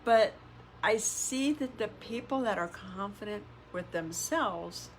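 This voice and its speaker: A woman's voice: mid-range voice, animated, takes it slowly. A middle-aged woman with a mid-range voice talks like a self-help influencer, casually but with conviction. She leans on repeated phrases and rhetorical questions to drive points home. Faint background noise sits under her voice. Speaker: self-help podcast host and coach. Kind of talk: motivational self-help influencer talk to camera.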